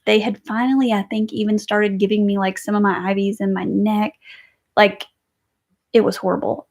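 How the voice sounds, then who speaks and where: A woman and mother chatting casually on a home livestream, rambling and reading viewer comments aloud. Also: medium pitch. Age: adult with kids. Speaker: livestream host. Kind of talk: casual live chat.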